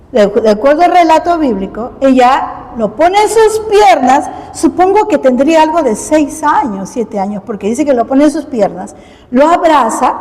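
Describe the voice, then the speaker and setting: A Peruvian woman with a high, light voice preaches to her congregation. She keeps turning to the listeners with rhetorical questions and stumbles through restarts as she retells the story. Her voice rings with a long reverb in a church hall. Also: a little mellow. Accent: Peruvian Spanish. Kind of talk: sermon.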